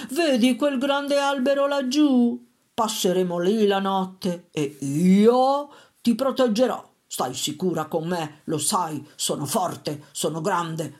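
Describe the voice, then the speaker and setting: A woman voicing a big, strong, simple-minded young peasant son in a storybook, loud and boastful. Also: mid-range voice, expressive, takes it slowly.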